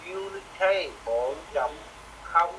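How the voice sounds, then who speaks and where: A man with a fairly high, bright, expressive voice teaches music software to a student remotely, speaking at a slow pace. His step-by-step instructions are patient and repetitive, and the rough recording has faint noise behind him.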